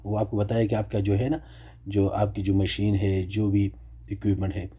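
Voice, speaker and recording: A man's voice: fairly low pitch, level tone, warm tone, husky. A man explaining electrical breakers step by step, asking and answering his own questions. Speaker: electrical tutorial presenter.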